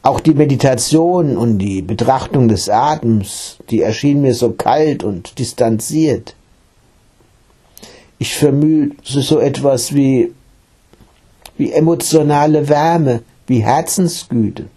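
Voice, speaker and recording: A man's voice: mid-range voice, takes it slowly, dark tone, slightly rough. A man voicing an earnest young male seeker who eagerly asks his teacher about meditation, in a read-aloud story. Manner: eager, questioning.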